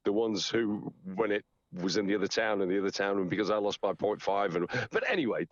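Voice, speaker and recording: A middle-aged man chatting casually as an interview guest, telling anecdotes in an animated, storytelling way. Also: lowish voice, quick pace, no room sound, highs cut off. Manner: chatty, animated storyteller who acts out quotes. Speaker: interview guest, champion town crier.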